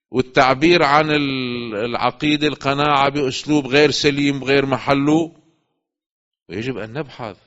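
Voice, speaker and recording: A man giving a religious lecture, swinging between loud urging and quiet asides. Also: mid-range voice. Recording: dull lo-fi recording.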